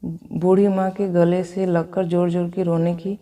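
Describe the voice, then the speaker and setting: A woman's voice: on the low side, level tone, unhurried, mellow, recorded from a distance, close to an everyday voice. A woman voicing a devout young wife in a devotional storybook tale, pleading and sorrowful in prayer.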